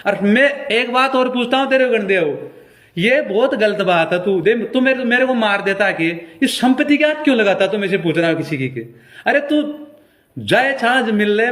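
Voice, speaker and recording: A man's voice: high-pitched, a bit bright. A male folk singer with a Rajasthani accent, delivering an angry, confrontational appeal on a live stream and repeating his challenges.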